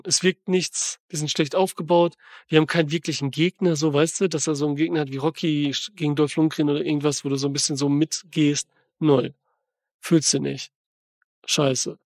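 Fast-talking, excitable man reviewing films. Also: fairly high pitch, dry recording, studio quality. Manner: rambling, excitable, slangy retelling. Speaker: film podcast host. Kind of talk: casual film review chat.

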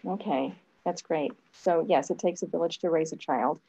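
This host, a woman in her fifties, chats casually over a video call from her home, encouraging her guest and using plenty of fillers. She has a deep, dark, slightly rough voice at normal speed, captured with lo-fi sound.

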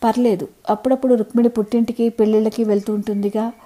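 A woman reading as a gentle, lonely woman in her fifties. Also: on the high side, level tone, quick pace, lightly acted. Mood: wistful.

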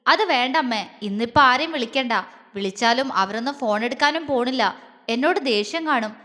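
A woman's voice: a little high, lively intonation, normal speed, bright, forceful tone, long reverb tail. Woman voicing a stern, brooding young husband. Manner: grave, curt.

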